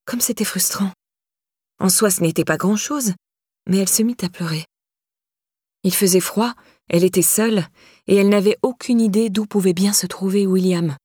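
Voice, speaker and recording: A woman reads an audiobook in a measured, scripted way. Her voice is breathy and husky. The recording is dry and close to the mic. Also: mid-range voice, warm tone, no echo. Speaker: audiobook narrator. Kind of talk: scripted narration.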